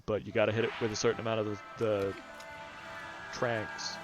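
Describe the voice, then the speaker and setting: A man's voice: fairly low pitch, little pitch movement, normal speed. A man giving casual let's-play commentary, explaining game mechanics and thinking aloud. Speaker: gameplay commentator. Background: game music.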